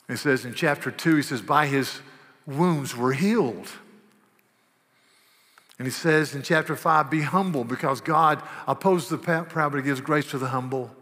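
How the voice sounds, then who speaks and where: Man, preacher, sermon, fairly high voice, long hall reverb, loud bursts and hushed asides.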